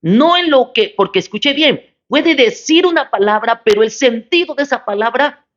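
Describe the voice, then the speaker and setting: A woman pastor giving a Bible study lesson, speaking deliberately, repeating key phrases and checking in with her listeners. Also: a little high, expressive. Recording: slightly dull lo-fi recording.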